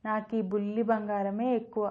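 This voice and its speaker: A woman's voice: mid-range voice, flat delivery, normal speed, natural voice. A woman voicing a caring middle-aged mother, affectionate and teasing, in an audio storybook. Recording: dull lo-fi audio.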